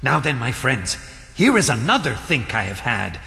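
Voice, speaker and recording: A man playing a cheerful living Scarecrow newly made king in an audio drama, with a folksy, excitable, musing manner. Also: mid-range voice, normal speed, creaky, full character voice. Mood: pleased, musing. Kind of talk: theatrical audio drama acting. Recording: long hall reverb, music behind.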